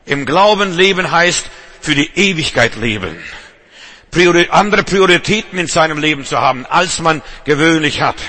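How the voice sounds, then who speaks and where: Husky bright-voiced German-speaking preacher. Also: male voice, on the high side. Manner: emphatic, repeats key phrases, slows for refrains, humorous asides. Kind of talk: evening sermon to a congregation.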